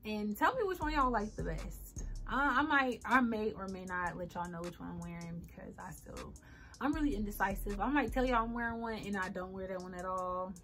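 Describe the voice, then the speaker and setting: A woman's voice: mid-range voice, fairly quick, a bit bright, faint music behind. Chatty young woman vlogging. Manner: chatty, rambling, frequent ums and likes. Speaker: beauty vlogger. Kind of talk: casual get-ready-with-me chat.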